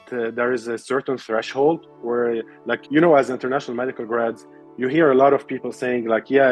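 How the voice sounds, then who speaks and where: Young guy, kinda husky, lots of um and uh while explaining. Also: medium pitch. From Lebanon. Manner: explanatory, many fillers and restarts. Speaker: guest, medical resident. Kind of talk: casual interview answers.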